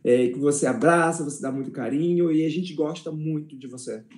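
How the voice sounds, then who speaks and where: Man, Brazilian accent, slightly high voice, casual interviewer, roomy echo. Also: a little fast, darkish tone. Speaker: interviewer, teacher. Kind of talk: casual chat.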